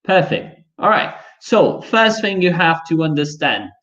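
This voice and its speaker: This young adult man's voice is fairly high, very animated and a bit bright, yet his pace stays measured. With a Brazilian Portuguese accent, he teaches a live online English class chattily, peppering it with "you know," over dull lo-fi stream audio.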